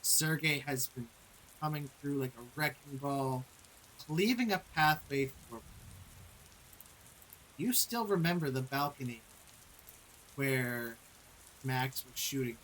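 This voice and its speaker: A man's voice: mid-range voice, expressive, a bit bright, slight background noise, low-quality recording. A man acting as game master, narrating combat and calling for dice rolls in a tabletop game. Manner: measured, calls for rolls and narrates combat results.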